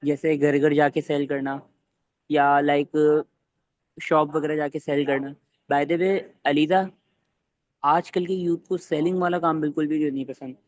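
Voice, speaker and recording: A man leading an online training session for his team, talking fast and quizzing listeners with either-or questions. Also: fairly high pitch, steady tone, dry recording, dull audio.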